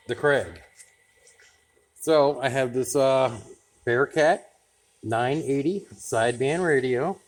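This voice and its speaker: In a casual how-to vlog, a mid-range-voiced man who loves radios chats loosely to camera while tinkering, relaxed and thinking aloud. There's a slight hiss or hum in the recording.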